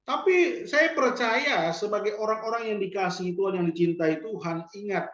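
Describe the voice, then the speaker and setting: A man preaching a sermon as pastor, putting questions to the congregation and repeating key lines slowly for emphasis. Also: high voice, a bit bright. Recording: roomy, dull lo-fi church recording.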